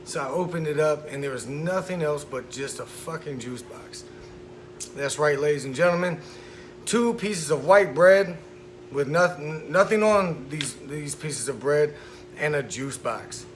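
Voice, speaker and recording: A man's voice: a little high, unhurried, slight background noise. A man telling a personal story in a casual, profane way. He sounds emphatic and indignant and keeps asking the listener "right?". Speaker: vlogger recounting a school incident.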